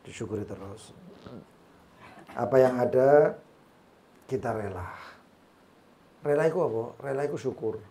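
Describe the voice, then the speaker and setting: A man's voice: medium pitch, lively intonation, a little slow, long pauses, mellow. A man with a Javanese accent teaching an Islamic study session, weaving Arabic quotations and humorous asides into his sermon. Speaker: religious teacher.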